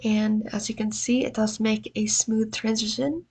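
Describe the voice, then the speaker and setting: This video editing tutorial presenter speaks unhurriedly with a flat delivery, her fairly high voice husky and somewhat dark in tone. She sounds tired and exhausted, congested by allergies, and narrates in a casual, self-deprecating manner.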